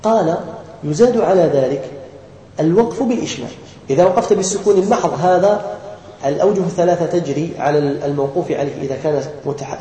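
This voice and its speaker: Mellow-voiced sheikh teaching in echoey room. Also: male voice, on the high side. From Algeria. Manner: explains slowly, chants example words, quizzes students. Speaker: sheikh teaching Quran recitation. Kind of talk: classroom lesson with students.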